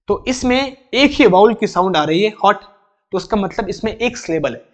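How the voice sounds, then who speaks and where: A man's voice: high voice, highs cut off. A man with an Indian accent teaching English vocabulary for exams, explaining each term in Hindi step by step and repeating the key words. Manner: reads English definitions slowly, then explains in Hindi. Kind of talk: exam-prep vocabulary lesson.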